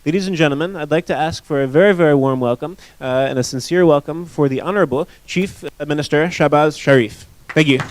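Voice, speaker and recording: A man hosting an event, giving a formal introduction of a guest speaker in a brisk, polished way. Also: a little high, slight background noise. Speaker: event host.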